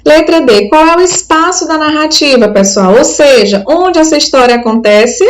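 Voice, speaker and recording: Patient high-voiced Brazilian woman teacher. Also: animated, normal speed, rough recording. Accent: Brazilian Portuguese. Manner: patient and explanatory, with frequent checks like "tá?". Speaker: Portuguese teacher. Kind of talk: recorded video lesson.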